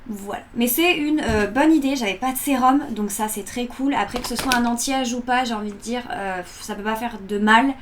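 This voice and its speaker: A woman's voice: a little high, moderate pace, hardly any pauses. A woman in her early twenties chatting informally as she presents beauty products in a casual vlog review. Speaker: beauty box unboxing vlogger. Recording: electric fan noise in background. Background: whirring electric fan.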